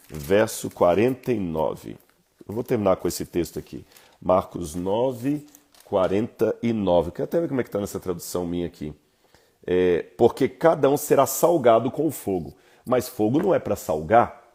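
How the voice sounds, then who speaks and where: A Brazilian man explains expressions to his viewers in a lively teaching talk. His voice is husky and mellow, and he keeps checking in with rhetorical questions. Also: on the low side. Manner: animated, asks listeners rhetorical questions. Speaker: Bible teacher.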